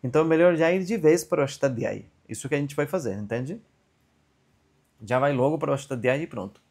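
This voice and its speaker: On a video call, a man teaches an online Sanskrit grammar class in a somewhat high, slightly mellow voice with lively intonation. He checks in often with "entende?" as he patiently explains, and he recites a verse in a slow chant.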